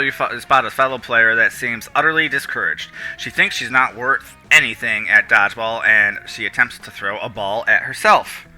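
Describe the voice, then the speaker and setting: A man's voice: medium pitch, bright, forceful tone. A young man streaming a text game, reading the story aloud in a playful, joking way and slipping into silly voices.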